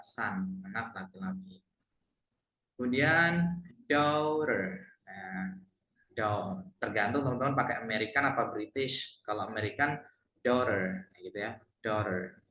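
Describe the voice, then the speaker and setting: A man with an Indonesian accent teaching English family words in a relaxed online lesson, repeating each word and then translating it. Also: mid-range voice. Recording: echoey room, faint noise.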